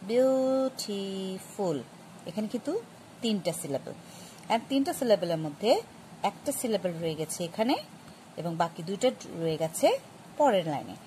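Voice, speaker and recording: A woman teaching a grammar lesson, explaining patiently to students with many pauses and restarts. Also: on the low side, big pitch swings, warm tone, a little hiss or hum, poor audio. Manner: patient, addresses students directly. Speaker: English teacher.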